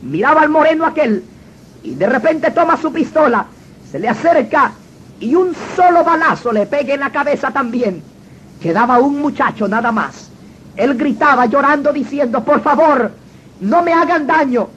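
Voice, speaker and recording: A man's voice: very high voice, expressive, moderate pace, a bit bright. A man telling his personal testimony in an earnest, dramatic storytelling manner. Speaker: testimony speaker. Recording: dull lo-fi recording with faint noise.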